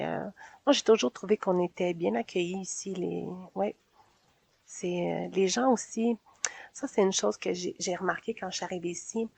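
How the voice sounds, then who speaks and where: A woman's voice: medium pitch, vocal fry, breathy edge, no room sound. A sociable woman in her forties with a Québécois French accent, casually telling her own story in an interview and laughing often between phrases. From Quebec.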